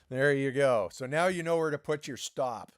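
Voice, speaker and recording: A man's voice: medium pitch, smooth, no room sound, studio quality. A man streaming live trading commentary, coaching viewers in an emphatic way and repeating words as he presses his points.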